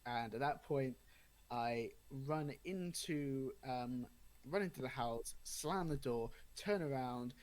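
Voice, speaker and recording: A man's voice: medium pitch, slow, rough recording. Young man telling a spooky anecdote. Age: young adult. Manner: animated retelling with acted-out dialogue. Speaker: storyteller. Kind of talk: casual spooky personal anecdote.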